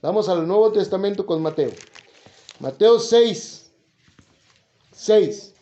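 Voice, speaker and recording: High-voiced Mexican preacher in an echoey room. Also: male voice, animated, slow, mellow. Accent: Mexican Spanish. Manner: chatty, jokes, asks the listeners questions. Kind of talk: informal Bible teaching to a congregation. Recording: echoey room, slightly dull sound.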